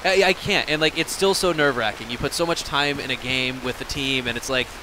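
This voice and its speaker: A man who works as a game developer, talking excitedly while playing and laughing often. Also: mid-range voice, a little fast, noisy background. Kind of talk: casual gameplay chat. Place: game studio office.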